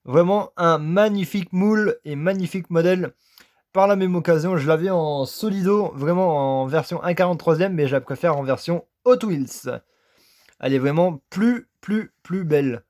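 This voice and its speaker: A man from France, talking casually about his toy car finds, enthusiastic and halting, piling up "very" again and again. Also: fairly high pitch, darkish tone. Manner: enthusiastic, repeats "très" over and over, halting with many "euh". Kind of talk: casual unboxing commentary.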